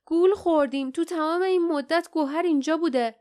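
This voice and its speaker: A woman voicing a brave, stubborn young male hero in an audiobook, shouting urgently. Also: very high voice, voice pushed up.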